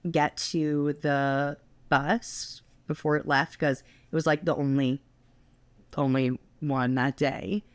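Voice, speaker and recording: Young woman rambling a travel story, low voice, smooth tone, lots of likes and ums. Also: no echo. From United States. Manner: chatty, many fillers like "like" and "um". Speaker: podcast co-host.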